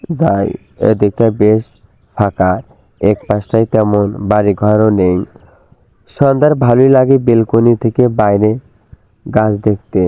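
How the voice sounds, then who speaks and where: A man reads a romantic story aloud in a steady narrating voice. His tone is low and clear, and the recording is dry, tinny and narrow like a phone line. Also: no room sound.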